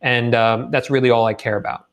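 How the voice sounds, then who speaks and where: A man's voice: medium pitch, steady tone, fairly quick. A young man hosting a live question-and-answer stream, reading viewer questions and answering them casually while losing his voice. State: losing his voice in a hot room. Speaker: host of live Q&A on online selling.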